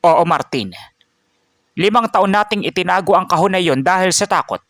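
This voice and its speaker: A man voices an old grandfather in a told story, earnest and wise. The voice sits high above the teller's own and lifts sharply in alarm. The sound is close and dry. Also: lively intonation, normal speed, fairly bright tone, dry recording. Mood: firm. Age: older. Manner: earnest, pleading, rising in alarm.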